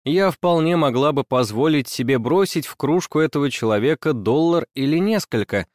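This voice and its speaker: A man narrating a first-person story in a measured, even reading. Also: fairly high pitch, no echo, clean studio sound.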